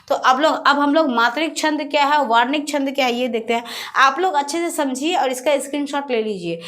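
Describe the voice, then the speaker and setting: A woman's voice: high voice, a bit bright. A woman teaching Hindi grammar over slides, repeating key points and answering her own questions as she goes. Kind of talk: classroom-style explanation over slides.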